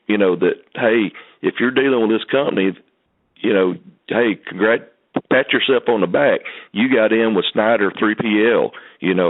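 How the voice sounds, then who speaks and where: Over a muffled telephone conference line, a low-voiced truck driver calls in to a company conference call with unscripted questions. He rambles a bit but stays earnest and polite.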